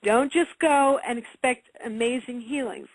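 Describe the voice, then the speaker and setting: A woman's voice: on the high side, measured pace, breathy edge, rough recording. A woman speaking as a guest in an interview, earnest and cautious, talking about Reiki healing. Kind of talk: interview conversation.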